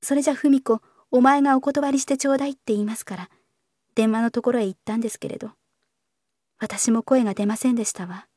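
A refined young woman pleads in polished, courteous speech, her voice raised and shaking, as a woman narrator puts her on. The tone stays mellow and high, close and dry on the mic. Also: steady tone, fast, no echo, lightly acted. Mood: confiding. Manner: polite, formal speech, pleading and tremulous. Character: earnest, well-bred young woman, pleading.

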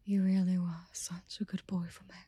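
A young adult woman performs an intimate scripted audio roleplay close to the microphone, commanding and teasing and often dropping to a whisper, then turning soft and gentle near the end. Her voice is fairly low and slightly rough, with a level tone, normal speed, and no echo.

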